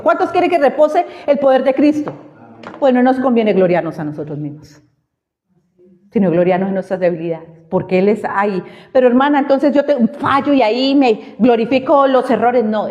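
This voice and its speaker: Woman, preacher, fervent sermon, questions the congregation, slightly high voice, long hall reverb. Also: mellow. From Colombia. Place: church hall. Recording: reverberant hall, dull lo-fi sound.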